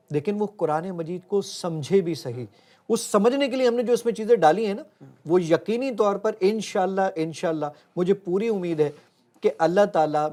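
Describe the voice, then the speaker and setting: A man's voice: a little high, a little mellow. A man, the founder of a tech app, talks earnestly in an interview and walks through a live demo step by step. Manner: earnest, explains step by step while showing a phone.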